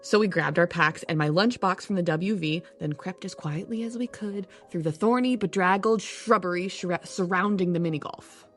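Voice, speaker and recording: A woman's voice: on the low side, normal speed, hardly any pauses, a bit bright, faint music behind. A woman narrating and acting a lead in an audio drama, dry, matter-of-fact and a little exasperated.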